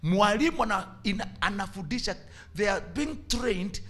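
A man preaching a sermon as a bishop, animated and mixing Swahili with English. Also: high-pitched, normal speed.

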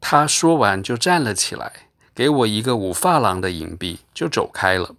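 Brief: male storyteller, animated and measured narration. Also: fairly low pitch. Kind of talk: scripted audiobook narration.

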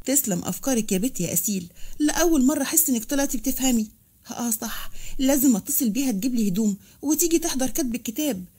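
A woman's voice: sits high, lively intonation, rapid-fire, warm tone, slightly rough. A woman voicing a scheming young secretary in an Egyptian accent, switching from tearful pleading to sly.

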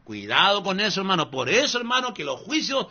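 Sharp, husky-voiced pastor preaching a sermon. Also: male voice, sits high, big pitch swings, brisk, lo-fi sound. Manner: scolding, emphatic, mocking asides, repeats "hermano".

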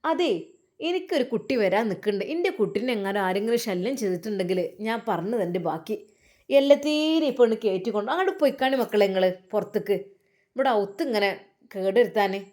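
A woman's voice: mid-range voice, animated, fast, darkish tone, close to an everyday voice. A woman voicing an arrogant, spiteful young wife, scolding and sneering in a storytelling piece. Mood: scornful. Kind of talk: storytelling with acted voices.

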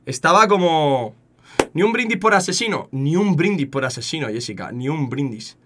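A young man with an accent from Spain, telling a story casually to his chat, animated and often repeating words. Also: fairly high pitch, normal speed, noisy background. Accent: Spain Spanish. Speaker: streamer.

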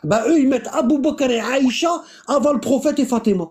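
A speaker leading a casual religious discussion, reading Arabic passages aloud and translating them with many pauses and fillers. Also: high-pitched, darkish tone, husky. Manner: explanatory, halting, many fillers, reads Arabic texts aloud then translates; keeps pointing listener to the text.

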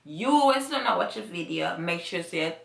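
A woman's voice: on the low side, expressive, fairly quick, creaky. A woman with a Jamaican accent chatting casually to her vlog audience, rambling and repeating herself. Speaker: vlogger. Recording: echoey room.

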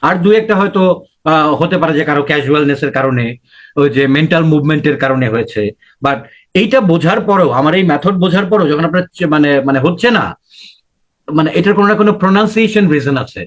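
High-voiced Bangladeshi man teaching a class. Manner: drills words by repeating them slowly. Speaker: IELTS teacher. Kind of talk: classroom lesson.

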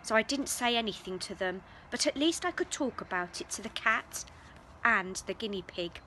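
A woman reading a children's story aloud in a gentle, expressive way. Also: medium pitch, moderate pace, a little hiss or hum, low-quality recording.

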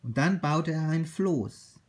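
A man reading a children's story aloud in an expressive, unhurried way. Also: fairly high pitch, breathy edge. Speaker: reader.

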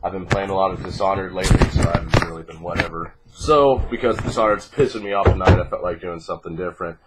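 A man in his twenties, groggy and congested from fighting off a cold, presents a card deck profile in a laid-back, casual, sweary way. His voice is deep and fast. It's a noisy home webcam recording with clicks, made in a small living room.

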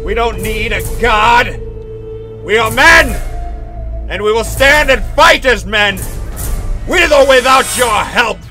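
A man playing a brash, excitable soldier in a comic game role-play, melodramatic and given to grand declarations. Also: very high-pitched, unhurried, faint music behind, exaggerated voice. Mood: grandly declaiming. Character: brash, excitable young male soldier, war veteran.

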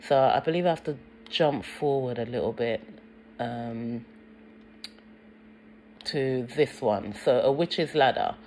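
A British-accented commentator talks over a music video in an earnest, insistent way, often stumbling over ums and repeated words. The voice sits at a middle pitch. A faint noise hangs under the talk. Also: slow, pauses often, a little mellow, rough recording.

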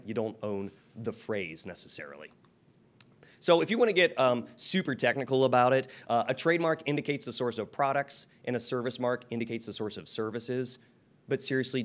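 A man presenting a workshop to a live audience, chatty and informal, often checking in with the room and laughing. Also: medium pitch.

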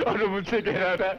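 An actor in a 1970s Hindi film playing a panicky young man, the son of a villain, shouting and pleading. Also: high voice, a little hiss or hum. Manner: frantic shouting, then fearful whispering. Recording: dull old film soundtrack.

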